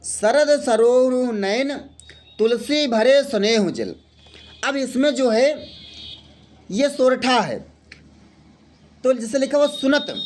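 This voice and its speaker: High-voiced man teaching, counting aloud. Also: slight background noise. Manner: explains step by step, counting aloud and asking then answering his own questions. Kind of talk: Hindi grammar lesson.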